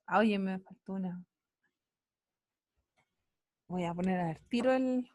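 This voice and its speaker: A woman with a Chilean Spanish accent teaching an online science class, checking in with students often and praising their answers. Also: on the high side. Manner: checks in often with quick tags, upbeat praise.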